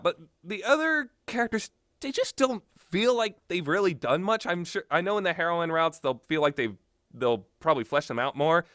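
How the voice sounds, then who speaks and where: A male video host with a voice on the high side and a slightly bright quality talks in a clean, echo-free studio recording. His commentary is loose and rambling, full of firm opinions delivered emphatically.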